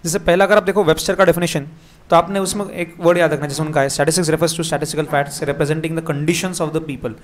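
A man with an Indian accent teaching an exam revision lecture, repeating key words and firing quick questions at his students. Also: fairly high pitch, fairly even intonation.

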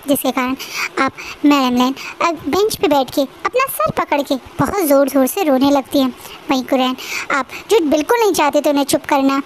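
High-voiced woman retelling a story. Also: slight background noise, rough recording. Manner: chatty, emotional, with frequent restarts. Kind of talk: casual story narration.

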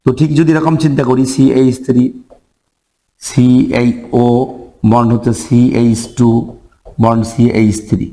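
A man's voice: mid-range voice, darkish tone. A man teaching chemistry in a lecture. He asks the class questions, answers them himself and repeats the key terms.

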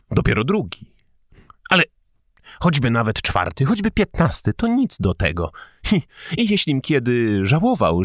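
A man reading an audiobook, voicing an excitable young male idealist who lectures in a shrill, fervent, touchy way. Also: dry recording, studio quality. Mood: boastful. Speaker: audiobook reader.

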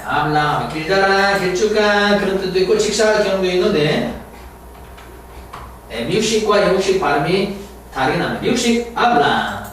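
A man's voice: high voice, moderate pace. A man teaching English vocabulary, drilling pronunciation by repeating each word. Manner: drills words by repeating them, animated teacherly delivery. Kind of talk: recorded vocabulary and pronunciation lesson. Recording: very echoey room, distant mic, faint hiss.

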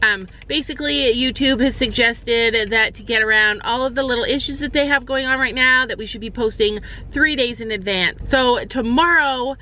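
A woman's voice: fairly high pitch, normal speed, few pauses, bright, forceful tone, a little hiss or hum, rough recording. A woman in her forties talking casually to viewers from a car, filmed on a phone held at arm's length. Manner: chatty, addresses viewers directly. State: out of breath on the hill. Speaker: family vlogger. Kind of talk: casual vlog talk to camera. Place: inside a car, and outdoors on a farm field.

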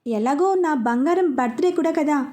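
A woman's voice: sits high, animated, normal speed, dark tone. A woman voicing a playful young man who teases his friend. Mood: teasing. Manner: teasing, jokey.

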